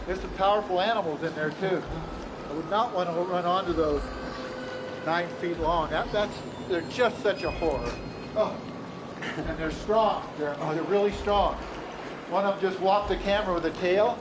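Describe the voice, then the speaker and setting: A man's voice: high voice, normal speed. A man giving casual, spontaneous field commentary, emphatic and repeating himself. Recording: noisy outdoor recording, water and boat ambience.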